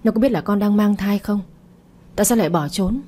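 A woman's voice: mid-range voice, brisk, warm tone, husky, close to an everyday voice. A woman voicing a stern, worried middle-aged mother who presses her daughter with questions. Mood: demanding. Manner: questioning, scolding.

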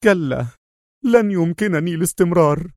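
A man performs a young male intelligence officer in a spy audiobook, his voice pitched high above the narrator's, frantic and stubborn, bursting out in pleas and protests. The recording is dry and close. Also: moderate pace, dry recording. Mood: agitated, pleading. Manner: excited, pleading outbursts.

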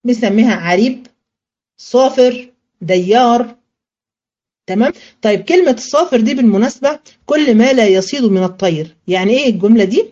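A woman teacher with an Egyptian accent giving a religious studies lesson in colloquial Arabic, asking questions and answering them herself, and slowing to a chant when she recites verses. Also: on the high side, a little mellow, muffled recording.

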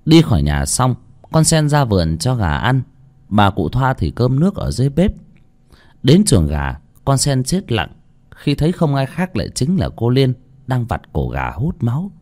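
A man narrating a horror story in a dramatic, expressive way. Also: mid-range voice, normal speed.

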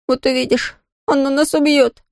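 A woman voicing a frightened young boy who pleads and shouts in panic, in a storybook reading. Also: sits high, fairly even intonation, moderate pace, dry recording, studio quality, voice pushed up. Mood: scared. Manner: trembling, pleading, bursts into frantic shouts. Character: frightened young boy, jumpy and easily flustered.

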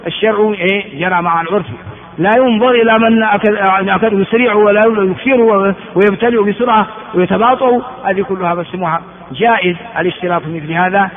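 A man's voice: sits high, quick pace. A man from Ethiopia giving a classroom lecture on religious texts, repeating words and asking rhetorical questions of his students. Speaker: religious teacher. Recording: phone-like sound in an echoey hall.

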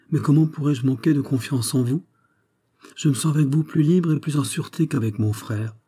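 A man voicing a naive, trusting fourteen-year-old girl who speaks with earnest candor, in his own husky voice. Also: mid-range voice, warm tone, natural voice. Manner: earnest, candid.

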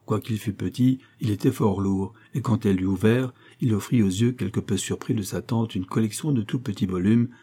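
Low husky male audiobook narrator. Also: dark tone.

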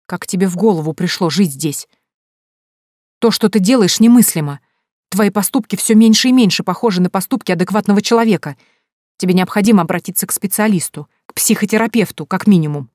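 A woman's voice: lowish voice, moderate pace, dark tone, dry recording, clean studio sound. A woman reading an audiobook, voicing a stern, domineering middle-aged mother who scolds her grown son in an imperious way. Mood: scolding.

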